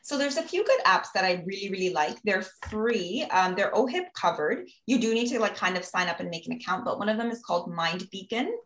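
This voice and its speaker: Woman, podcast guest, earnest advice-giving tone, mid pitch, recorded in an echoey room. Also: expressive, brisk, few pauses, a bit bright. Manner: earnest, advising, frequent "you know" and "right?". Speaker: guest speaker on mental health. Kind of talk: casual podcast conversation.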